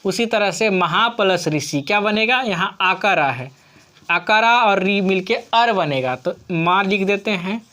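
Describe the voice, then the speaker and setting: धीमी, धैर्यवान महिला शिक्षिका. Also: female voice, mid-range voice, animated, fairly bright tone. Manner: slow, patient, asks and answers her own questions. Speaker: teacher. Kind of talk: classroom lesson explaining grammar on screen.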